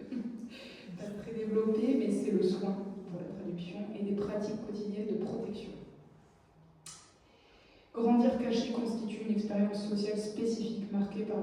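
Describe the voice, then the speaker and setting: A woman's voice: mid-range voice, warm tone, a little hiss or hum. A young French woman, a doctoral researcher, giving an academic lecture from notes, often breaking off with fillers and self-corrections. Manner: reads a prepared text, then digresses with many fillers and self-corrections. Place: lecture hall. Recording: distant, echoey lecture hall recording.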